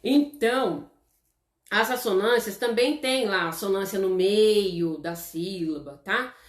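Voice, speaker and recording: A Brazilian woman with a medium-pitched voice gives a live online lesson in an echoey room. She speaks with a Brazilian Portuguese accent, explains slowly and patiently, and keeps chatting with viewers, often asking "tá?"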